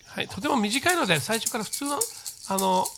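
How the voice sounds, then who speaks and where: A patient English teacher talks through a lesson at a middling pitch. They repeat each practice phrase slowly and often pause on hesitant fillers. Faint birdsong sits behind the voice. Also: expressive, creaky, noisy background. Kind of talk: home-recorded English lesson with spoken drills.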